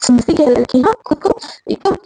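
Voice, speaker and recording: Brief: a jealous, short-fused young woman, played by a woman, high-voiced and mellow, muttering in stuttering repeats. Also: lively intonation, fast talker, vocal fry, a little hiss or hum, rough recording. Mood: flustered. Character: hot-tempered young woman, jealous and sulky.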